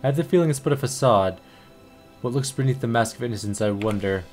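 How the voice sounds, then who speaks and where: Dude reading a sneaky old wizard-cat, wry and punny, some quiet game music. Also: male voice, medium pitch, lively intonation, fast, natural voice. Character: sly old male wizard in cat form.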